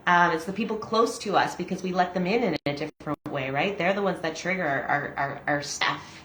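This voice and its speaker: A woman in her forties reads from a daily meditation book and then reflects on it in a chatty, self-disclosing way. Her voice sits a little low, and she fills pauses with ums and short laughs. The recording is echoey, with a faint hum of ambience underneath. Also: a bit bright. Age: 40s. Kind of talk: casual reading with personal reflection. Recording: echoey room.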